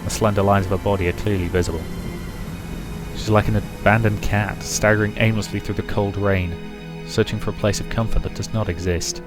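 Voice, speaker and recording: A man reading visual novel narration aloud in a measured, dramatic way for a Let's Play. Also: lowish voice.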